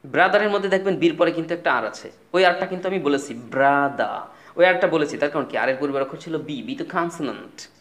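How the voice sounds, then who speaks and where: A man's voice: on the high side, fast, a bit bright. Man teaching, repeats words. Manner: explains patiently, repeats words and spellings, mixes English phrases into his talk. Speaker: English teacher. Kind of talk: spoken English tutorial.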